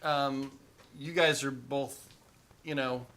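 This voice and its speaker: A man running a tabletop game as game master, narrating scenes in an animated, playful way. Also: mid-range voice, takes it slowly.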